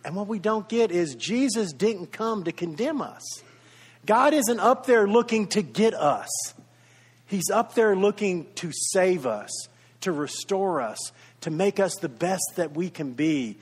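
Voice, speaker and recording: Earnest preaching man in a reverberant church. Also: high voice. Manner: earnest preaching, swells louder then drops to soft, intimate tones. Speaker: pastor. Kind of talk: sermon. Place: church sanctuary. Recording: long reverb of a large church hall.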